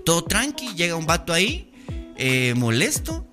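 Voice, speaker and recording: A man's voice: fairly high pitch, normal speed, music in the background. A young Guatemalan man hosting a podcast, telling stories in casual, slangy, playful chat. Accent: Guatemalan Spanish. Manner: animated, slangy, playful storytelling. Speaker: podcast host.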